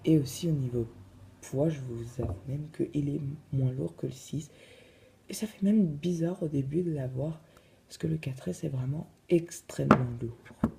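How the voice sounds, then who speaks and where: A man's voice: a little high, a little slow, vocal fry, dark tone, a little hiss or hum. A man casually reviewing a phone in his vlog, hesitant and full of fillers. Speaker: vlogger.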